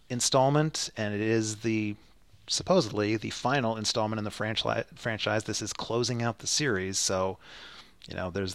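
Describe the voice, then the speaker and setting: A man's voice: lowish voice, a bit bright, clean tone, no echo. Chatty male podcast host, dry sound. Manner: rambling, many fillers and restarts. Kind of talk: casual podcast chat.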